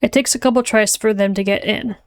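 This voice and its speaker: A woman's voice: medium pitch, steady tone, a little fast. A woman streamer reading a visual novel aloud, with playful, chatty narration.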